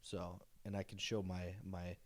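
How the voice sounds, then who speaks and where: A young man co-hosting a casual podcast chat, excitable and boastful, swearing freely as he talks about the games he runs. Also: sits low, a little slow. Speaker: podcast co-host and dungeon master.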